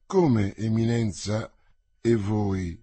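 A man's voice: lowish voice, drawn-out words, warm tone, breathy edge, no echo, pitched below the performer's own voice, exaggerated voice. Man doing a guarded, cool musketeer officer. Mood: measured. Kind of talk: audiobook character voice.

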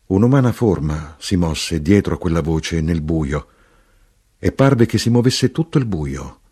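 A man reads an audiobook in a low, husky voice. His delivery is measured and literary. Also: lively intonation, dark tone. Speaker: narrator. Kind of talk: scripted audiobook narration.

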